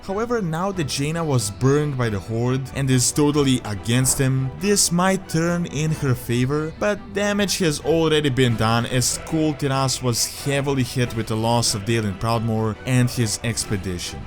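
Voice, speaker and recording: A man delivers scripted top ten countdown narration at a middling pitch. Music plays clearly behind his voice throughout. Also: lively intonation, moderate pace, few pauses. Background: background music.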